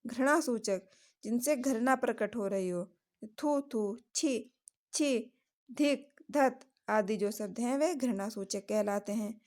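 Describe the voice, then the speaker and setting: A woman teacher explaining grammar in a steady lesson, giving examples one after another. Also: medium pitch.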